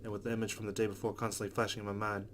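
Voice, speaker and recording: Racing through visual novel narration, a man with a fairly low voice adds casual reactions as he goes, let's play style. Steady loud noise fills the background.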